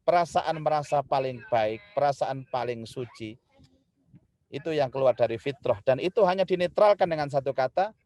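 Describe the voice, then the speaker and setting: A man giving a lively Islamic sermon to an audience, swinging from loud emphatic lines to quiet ones and addressing the listeners directly. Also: mid-range voice, no echo. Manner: lively, rising loud when building a point, then dropping soft; addresses the audience directly, acts out spouses' quarrels. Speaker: preacher.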